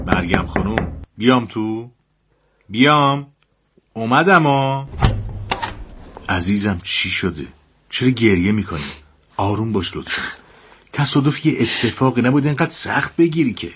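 An actor playing a caring family father in a radio drama, husky-voiced and fussing over his wife and children. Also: lowish voice, lively intonation, long pauses, background noise, close to an everyday voice. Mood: soothing. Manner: fussing, tender and reassuring. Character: caring middle-aged family father, soft-hearted.

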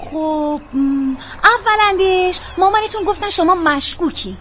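A high-voiced teasing woman. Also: noisy background. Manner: teasing, scolding, playful. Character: teasing, kindly woman coaxing a sulky girl.

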